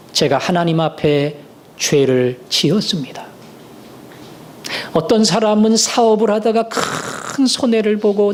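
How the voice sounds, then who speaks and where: Middle-aged male pastor, fairly high voice, earnest sermon delivery with emphatic rises, church sanctuary. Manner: earnest preaching with rising emphatic peaks.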